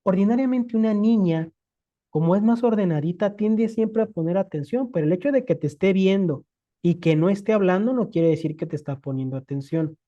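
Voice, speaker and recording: Mexican spanish speaker lecturing, super dark mellow voice, lots of questions back at you, muffled lo-fi sound. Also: medium pitch, lively intonation, brisk. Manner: explains with rhetorical questions and everyday examples. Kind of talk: conversational lecture. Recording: dull lo-fi recording.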